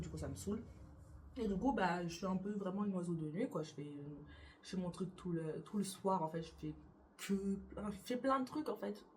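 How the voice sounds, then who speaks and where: Young woman chatting in a hesitant, low-pitched voice. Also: a little mellow, a little hiss or hum. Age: young adult. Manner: hesitant, many fillers and restarts. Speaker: YouTuber. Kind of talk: casual get-to-know-me tag chat. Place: her bedroom beside a window.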